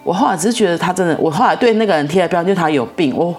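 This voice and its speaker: A woman's voice: fairly low pitch, lively intonation, rapid-fire, darkish tone, breathy edge, soft background music. A middle-aged woman, telling a story in a casual, rambling way and repeating herself as she goes. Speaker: vlogger.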